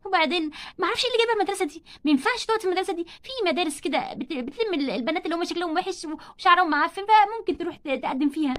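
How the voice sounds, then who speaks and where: A woman's voice: very high-pitched, lively intonation, racing, few pauses, a bit bright. A woman with an Egyptian accent voicing snooty schoolgirls who sneer at a classmate in a doll play story. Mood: mocking. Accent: Egyptian Arabic. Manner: sneering, scornful. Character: mean mocking schoolgirls, snooty and catty.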